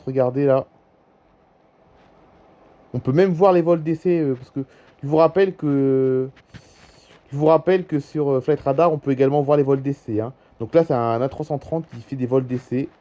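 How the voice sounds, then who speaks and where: A French-accented YouTuber shows off a flight-tracking app with loose, improvised commentary, repeating himself and urging viewers to look. His voice runs on the high side with a dark tone.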